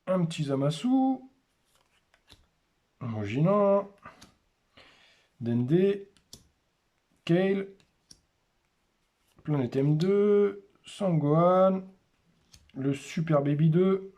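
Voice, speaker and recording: A man with a fairly high but mellow voice, calmly opening a pack of trading cards. He speaks slowly, calling out each card in short, casual remarks. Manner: names cards one by one in short, unhurried remarks. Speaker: host opening a card display. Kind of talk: casual unboxing commentary.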